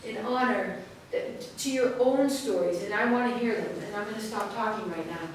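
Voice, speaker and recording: A woman's voice: mid-range voice, normal speed, recorded from a distance. An older woman moderates a community panel and introduces the speakers in an emphatic, rambling way. Her voice sits in a middle range for a woman. She is picked up from afar in a small, very echoey room with faint background noise. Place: small meeting room indoors. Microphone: far room mic.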